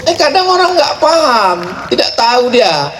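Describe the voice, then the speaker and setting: A man preaching to a large gathering, playful and joking, rattling off rapid chanted recitation. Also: very high voice, sing-song, over a noisy crowd. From Indonesia. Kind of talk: sermon at a large religious gathering. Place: large outdoor or hall gathering at a boarding school. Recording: echoey venue with faint ambient noise.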